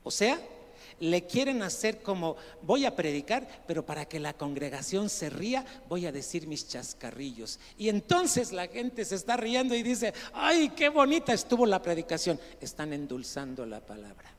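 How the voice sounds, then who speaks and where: Male pastor, fiery sermon, higher-pitched voice, loud bursts and quiet asides, questions the congregation, long echo of a church hall. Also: sing-song, moderate pace. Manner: preaching with sudden loud rising outbursts and quiet asides; addresses listeners as brother, asks questions of the congregation.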